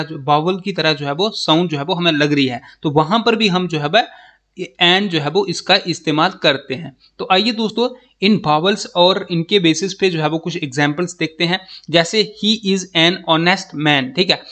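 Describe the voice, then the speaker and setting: A man with a Jammu accent explains English grammar for an exam class in a slightly high voice. He talks in a patient, repetitive way, often pausing to check in and spelling words out slowly. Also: fairly bright tone. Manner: repeats "ठीक है" and "जो है वो" constantly, spells out letters slowly. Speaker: exam prep teacher.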